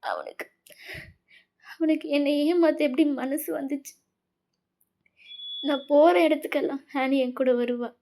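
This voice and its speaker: A woman plays a heartbroken young woman, her voice a touch high yet soft and mellow. She pleads and accuses through tears in a fan fiction voice-over. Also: fairly even intonation, unhurried, long pauses. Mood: tearful.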